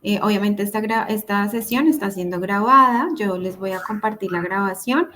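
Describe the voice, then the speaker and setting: A woman's voice: medium pitch, normal speed, pushed and bright, a little hiss or hum. A woman teaching English grammar to a class over a video call, patient and repeating examples. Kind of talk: online class explanation. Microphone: computer mic on a video call.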